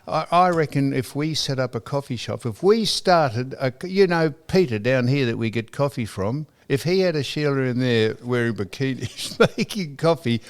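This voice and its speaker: A man's voice: medium pitch, animated, normal speed, few pauses. An Australian man co-hosting a podcast in casual chat, telling rambling stories with lots of stammered restarts. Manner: rambling, stammering storyteller who repeats himself. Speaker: podcast co-host.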